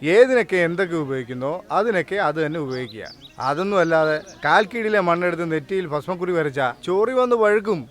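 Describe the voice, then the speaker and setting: A man's voice: a little high, animated, fairly quick, fairly bright tone. A man playing an arrogant, mocking male movie star in a dubbed film, talking in a bossy way. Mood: lecturing.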